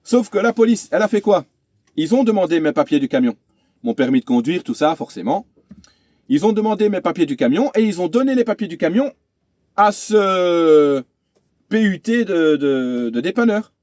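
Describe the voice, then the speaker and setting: A man's voice: sits high, big pitch swings, normal speed, darkish tone, no room sound. Chatty man telling a road story. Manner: chatty, many fillers and restarts. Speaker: truck driver vlogger. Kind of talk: casual vlog storytelling. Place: inside a truck cab.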